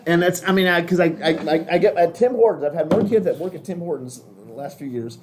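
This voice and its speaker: An older man gives a casual ministry lesson at a quick clip, circling back and restarting his thoughts as he goes. His voice sits a little high for a man. A faint hiss runs under the recording. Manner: chatty, rambling, restarts often. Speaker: lay ministry teacher. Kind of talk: casual class talk. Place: classroom.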